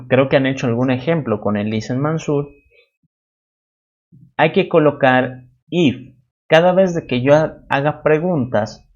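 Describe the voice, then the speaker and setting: A man's voice: mid-range voice, muffled recording. A man teaching a programming class, explaining step by step as he types code, often checking in with a questioning "no?". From Bolivia. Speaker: teaching assistant. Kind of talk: live-coding programming lesson.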